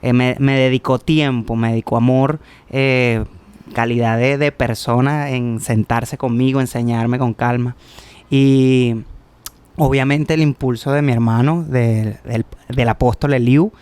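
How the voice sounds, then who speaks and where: A man's voice: medium pitch, unhurried, clean tone, dry recording. A young man, chatting on a podcast and telling a personal church story, acting out the voices in it. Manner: animated storytelling, acts out quoted dialogue. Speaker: podcast co-host, church musician. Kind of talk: casual chat, personal testimony.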